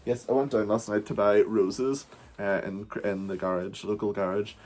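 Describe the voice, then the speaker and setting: Man, low voice, casual vlog review, chatty, rambling, swears a lot, recorded at home. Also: level tone, moderate pace, darkish tone. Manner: uses the word wee. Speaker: drag performer reviewing a TV show.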